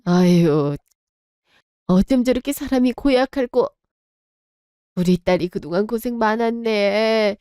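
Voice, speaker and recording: A woman's voice: medium pitch, a little slow, long pauses, warm tone, clear, resonant tone, no echo, studio quality, close to an everyday voice. A woman voicing a middle-aged mother in a radio drama, indignant and protective of her daughter. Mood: threatening. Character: bride's mother, protective and outraged.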